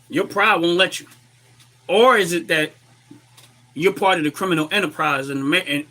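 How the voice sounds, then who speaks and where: A man with an American accent hosting a casual, opinionated livestream commentary while a little under the weather, clearing his throat and repeating phrases for emphasis. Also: on the high side, pushed and bright. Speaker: livestream host.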